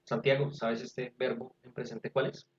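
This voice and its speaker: A man's voice: medium pitch, level tone, normal speed. Man tutoring over an echoey call. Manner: patient, explaining step by step. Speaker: English tutor. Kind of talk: virtual class teaching. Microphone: video call. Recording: echoey, dull video-call audio.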